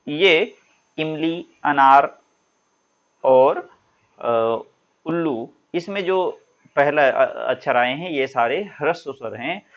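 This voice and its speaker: In a lo-fi recording, a man with a slightly high, fairly bright voice teaches Sanskrit grammar classroom-style. He patiently explains the material and draws out example sounds for his students during the lesson.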